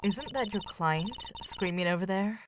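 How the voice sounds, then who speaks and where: A woman's voice: mid-range voice, a little slow, a little hiss or hum, close to an everyday voice. A woman playing a composed, supportive senior lawyer and boss in a video game fan dub. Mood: encouraging, curious. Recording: loud music under the voice.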